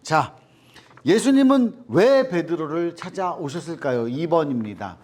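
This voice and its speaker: A man leads a children's Bible lesson in a fairly high, very animated voice. He talks straight to the kids, quizzes them and acts out the quoted voices in the story. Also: a little slow. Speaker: children's ministry teacher.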